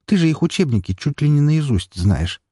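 A man voicing a stern, caring young older sister in an audiobook, reproachful and lecturing, with a husky voice. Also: fairly high pitch, very animated, moderate pace, dark tone, dry recording, studio quality, pitched above the performer's own voice.

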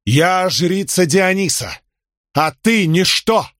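A man's voice: high voice, lively intonation, measured pace, dry recording, pitched above the performer's own voice. A commanding priestess from a storybook, declaiming in a raised, lofty voice. Every phrase is drawn out and exalted. A man acts her out in a dry, close recording. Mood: exalted proclaiming. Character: commanding female priestess, fervent prophetess.

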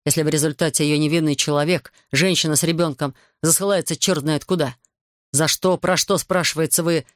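A man's voice: on the high side, steady tone, fairly quick, no room sound, clean studio sound, natural voice. A man reading the lines of a former soldier and fisherman who speaks dryly, bluntly and with sarcasm. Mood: sarcastic, blunt.

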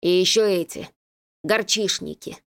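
Low, hoarse, gruff man faking a cold, curt and rude, done by a woman reader. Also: unhurried.

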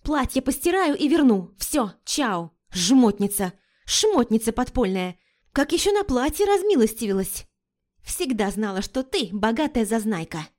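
A woman's voice: a little high, very animated, a little mellow. Woman doing a brash, flighty young woman. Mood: offended, snapping. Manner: chatty and slangy, quick to take offense.

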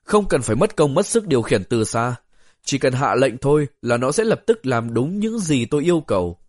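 A man voicing a proud older male puppet master in an audiobook, speaking in a lazy, haughty, deliberate way. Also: medium pitch, sing-song.

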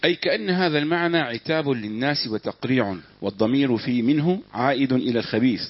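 A man reading a classical religious commentary aloud in measured, formal recitation. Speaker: student reading the text aloud. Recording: dull dry low-fi recording.

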